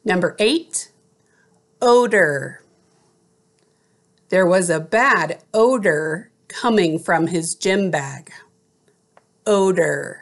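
A middle-aged woman teacher giving a slow school spelling dictation, enunciating deliberately word by word. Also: fairly low pitch. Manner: deliberate enunciation, word repeated after an example sentence. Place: small room at home, indoors.

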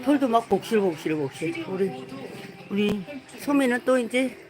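A woman's voice: on the high side, animated, moderate pace, low-quality recording. A woman streaming live and coaxing her pet dog to come and get washed. She repeats herself over and over in a sing-song tone and breaks into chuckles. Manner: coaxing, repetitive, laughing often. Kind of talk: casual live stream talk.

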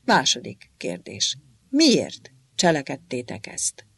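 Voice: mid-range voice, huge pitch swings, creaky, fairly bright tone, slightly rough, no room sound, full character voice. A narrator voicing a stern male archangel commander who snaps demanding questions in an audiobook. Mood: probing.

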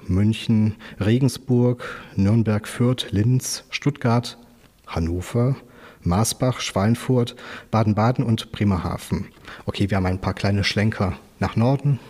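A man hosting a literary radio interview in a glass studio, formal and measured, with frequent fillers. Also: on the low side, a little mellow, slightly rough. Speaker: host.

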